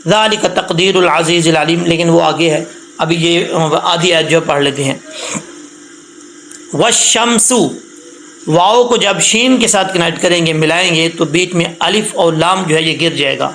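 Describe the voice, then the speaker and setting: A high-pitched man gives a step-by-step Quran recitation lesson. He explains patiently, checks in often, and draws the recited words out slowly. He sounds like he is in an echoey room with a faint hiss behind him. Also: a bit bright. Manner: drawn-out, slow chanted recitation of words.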